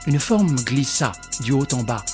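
A man reading a novel aloud as an audiobook narrator, with a dramatic, expressive delivery. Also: medium pitch, a little slow, soft background music. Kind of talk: scripted narration.

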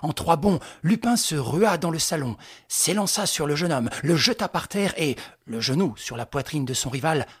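Guy reading a novel aloud, husky voice, slightly high, measured and dramatic. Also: lively intonation. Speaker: audiobook narrator. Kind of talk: scripted literary narration.

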